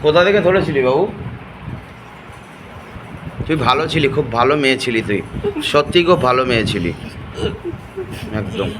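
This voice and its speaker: A man gently and softly coaxing a possessed person with repeated questions during a ritual. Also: medium pitch, expressive, moderate pace, pauses often, noisy background. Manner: soft, coaxing, repeats endearments. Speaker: assistant at an exorcism ritual.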